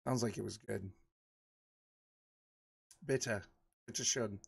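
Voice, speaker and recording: A man's voice: fairly low pitch, slow pace, gravelly, husky. A man in his forties chatting casually with his livestream viewers, rambling and laughing often. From Michigan. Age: 40s. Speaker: livestream host.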